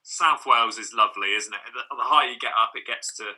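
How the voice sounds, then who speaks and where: A man's voice: mid-range voice, fast, bright, forceful tone. A man hosting a casual video call chat, playful and teasing, laughing a lot.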